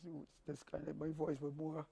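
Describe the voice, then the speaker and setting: An older man who sings calypso tells rambling stories as an interview guest, his slightly high voice carrying vocal fry and a breathy edge at normal speed. The storytelling is casual and animated, full of repeated restarts.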